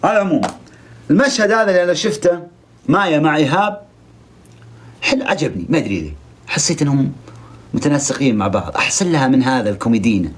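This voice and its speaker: A man's voice: a little high, animated, very fast, long pauses. A young man giving comic, sarcastic commentary on a reality show, scolding and mocking the people in it.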